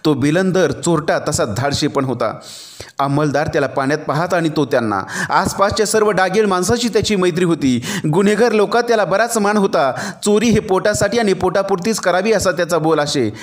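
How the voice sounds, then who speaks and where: A male narrator reads a novel aloud with a fairly high voice. His delivery is expressive and storytelling, and it suits an audiobook. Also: fairly quick. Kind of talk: dramatic novel reading.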